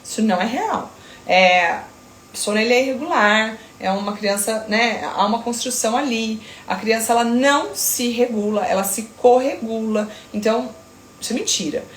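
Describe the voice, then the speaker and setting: A woman, a sleep consultant talking firmly and emphatically with quick asides. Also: a little high, lively intonation, roomy sound, a little hiss or hum. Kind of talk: casual talk to camera.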